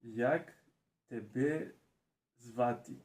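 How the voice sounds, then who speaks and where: A man who natively speaks English, reading Ukrainian phrases haltingly and carefully with a foreign English accent, as a language learner. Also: mid-range voice, darkish tone.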